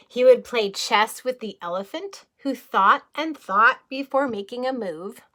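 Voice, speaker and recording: A woman teacher reading a picture book aloud to young children, expressive, with casual asides and questions to the listeners. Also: a little high, slow pace. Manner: expressive, addresses children with questions and simple explanations.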